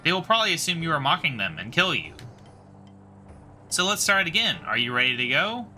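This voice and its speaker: A man's voice: on the high side, sing-song, brisk, sharp tone, slight background noise, full character voice. A man voicing a rude, greedy male pirate in a game playthrough, sneering and insulting. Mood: scornful.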